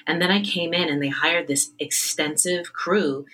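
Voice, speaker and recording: This is a stage actress speaking in an interview, with a bright, forceful edge on a slightly low voice. She tells her stories in an animated, chatty way. She keeps restarting her sentences as she goes. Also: moderate pace, rough recording. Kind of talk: anecdotal interview storytelling.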